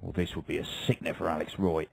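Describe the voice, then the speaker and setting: A man's voice: a bass voice, level tone, fast talker, gravelly, noisy background. A man calling a darts match as lead live commentator.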